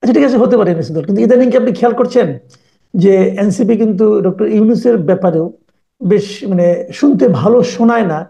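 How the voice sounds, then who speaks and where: A man hosting a political talk show, asking measured, probing questions. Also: high voice, gravelly, mellow, lo-fi sound.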